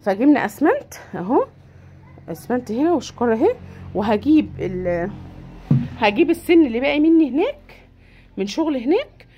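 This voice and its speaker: A woman with an Egyptian Arabic accent gives a chatty walk-through vlog of a poultry yard and shop, addressing viewers directly as she moves. Her voice is high-pitched, mellow, and very animated, brisk but broken by frequent pauses. The recording sounds muffled, with faint music behind her.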